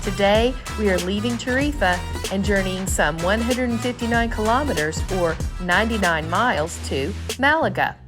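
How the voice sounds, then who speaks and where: A woman reads scripted travel narration in a polished, welcoming tone. Her voice has a mid pitch, and music plays under her throughout. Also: animated, moderate pace, hardly any pauses.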